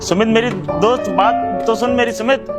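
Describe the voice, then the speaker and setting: A man's voice: a little high, brisk, over loud music, natural voice. A man playing a poor, pleading old friend. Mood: desperate. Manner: pleading, heartfelt. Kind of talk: amateur skit acting.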